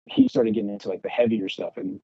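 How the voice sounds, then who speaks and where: Speaking fast in a fairly low, husky voice, a punk rock guitarist on a podcast chats casually through his stories, cursing freely and re-enacting old arguments with animation as he acts out what people said. The audio is muffled and carries no room sound.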